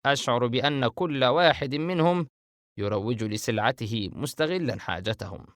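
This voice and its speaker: A stern brother who pushes his view sharply and insistently, read by a male audiobook narrator. His voice sits at a plain middle pitch. The recording is dry with no room. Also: normal speed, fairly bright tone, dry recording, close to an everyday voice. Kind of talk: audiobook character reading.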